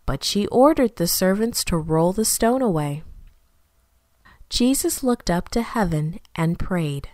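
A woman reading a Bible story aloud to children, slowly and expressively. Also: lowish voice, no room sound. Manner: slow, careful, expressive reading.

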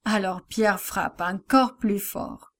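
Slow, expressive woman storyteller. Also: mid-range voice. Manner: slow and expressive, with hushed asides. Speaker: storyteller for a children's Bible lesson. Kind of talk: scripted narration for children.

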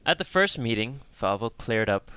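A man hosting a discussion show, telling a story in a calm, measured way and then talking with his guests. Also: medium pitch, smooth, no room sound. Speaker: host. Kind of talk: scripted narration and discussion hosting.

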